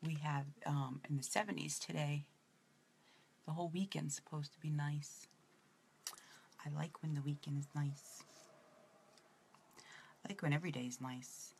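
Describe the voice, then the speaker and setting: A chatty woman with a New York accent and a low voice talks through a casual makeup tutorial. She rambles and drifts off topic, and a faint hiss sits under her voice. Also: steady tone, a little slow, vocal fry, long pauses, darkish tone. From Brooklyn, New York.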